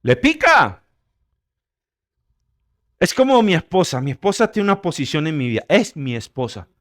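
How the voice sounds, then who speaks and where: A middle-aged male pastor with a high-pitched voice delivers a sermon full of humor. He keeps checking that his listeners are with him and shifts from loud, emphatic lines to quiet asides. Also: very animated, fast talker. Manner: jokes with the congregation, swings from loud emphatic peaks to quiet asides; asks the congregation if they follow.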